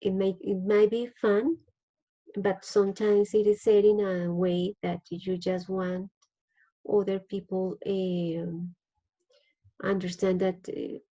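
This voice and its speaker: Give me a mellow Colombian woman teacher. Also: mid-range voice, little pitch movement, unhurried, long pauses, dull audio. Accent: Colombian Spanish. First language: Spanish. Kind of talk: leading a class discussion.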